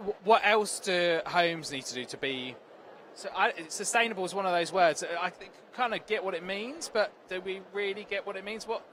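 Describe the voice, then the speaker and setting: A man hosting a casual chat at a trade show, relaxed and rambling with lots of fillers. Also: high voice, moderate pace, a little hiss or hum. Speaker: host. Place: exhibition hall studio at a trade show.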